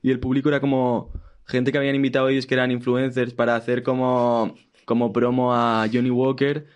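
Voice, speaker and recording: A man chats casually about playing gigs. His voice sits at an ordinary middle pitch. He tells his stories in a loose, meandering way. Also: little pitch movement, a little fast, highs cut off. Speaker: musician guest. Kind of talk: casual chat.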